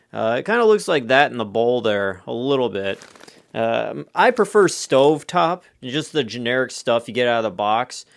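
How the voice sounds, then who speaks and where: A man's voice: mid-range voice, dry recording, clean studio sound. An American man chatting casually through a food review in a rambling, offhand, conversational way. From United States. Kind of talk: casual off-the-cuff review chat.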